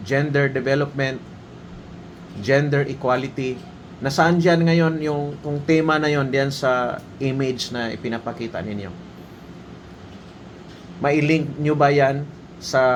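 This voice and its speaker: A Filipino man with a medium-pitched voice delivers opinion commentary. He is emphatic and scolding, pressing his points with rhetorical questions. A faint air-conditioner hum sits behind him. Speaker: military training officer giving commentary.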